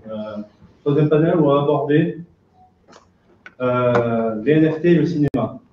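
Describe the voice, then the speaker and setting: A man's voice: mid-range voice, a little slow, a little hiss or hum. Male moderator in a very echoey hall. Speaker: panel moderator. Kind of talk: live conference moderation. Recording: very echoey, distant, dull room sound.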